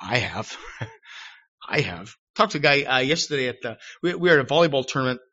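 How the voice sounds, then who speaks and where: A middle-aged man preaching a sermon in church, animated and self-deprecating, acting out shouted quotes. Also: medium pitch, brisk. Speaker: pastor. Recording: dull lo-fi recording.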